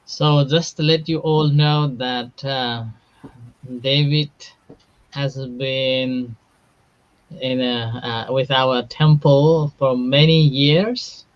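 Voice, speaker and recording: A man's voice: mid-range voice, steady tone. Hesitant man hosting with muffled sound. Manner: slow, hesitant, many uhs. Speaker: host, temple teacher. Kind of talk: hosting an online talk. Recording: muffled lo-fi audio.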